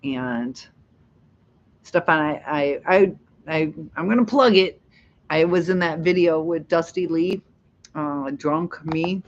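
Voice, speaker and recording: A middle-aged woman from Ohio with a deep voice hosts a casual livestream, speaking slowly as she reads the chat. She's chatty and rambling, laughing often. The livestream audio is dull and lo-fi.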